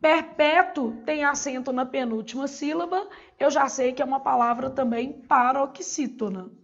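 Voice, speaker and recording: The audio is dull as a Brazilian woman with a high voice teaches Portuguese exam prep at a moderate pace. She is didactic, posing questions to the class and then answering them herself.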